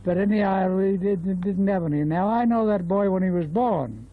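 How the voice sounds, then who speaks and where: Old Australian man, nineties, high-pitched voice, rambling repetitive storyteller, dull lo-fi interview tape. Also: moderate pace. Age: 90s. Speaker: interviewee, former bush labourer. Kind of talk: casual oral history reminiscence.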